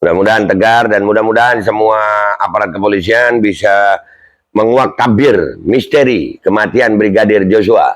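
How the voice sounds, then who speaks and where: A man's voice: on the low side, moderate pace. A man, hosting a casual news commentary channel, who reads the news aloud and answers his own rhetorical questions. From Indonesia.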